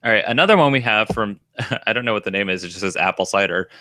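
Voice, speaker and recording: A man with a bright, forward tone co-hosts a casual geek chat, rambling through his points with lots of filler words. The sound is dry and close, with no room around it, as on a video call. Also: on the low side, quick pace, no echo. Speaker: co-host.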